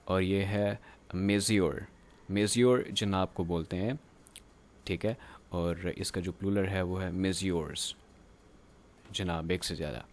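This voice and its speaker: A man teaching a grammar lecture. He explains slowly and haltingly, with drawn-out pauses, and reads textbook lines aloud in English. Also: sits low, fairly even intonation.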